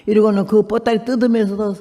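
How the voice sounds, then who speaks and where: A woman's voice: medium pitch, fast talker. Elderly woman preaching in a reverberant hall. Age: 80s. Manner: animated, acts out the people in her story. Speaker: missionary preacher. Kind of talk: sermon with dramatic personal storytelling. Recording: long reverb of a church hall.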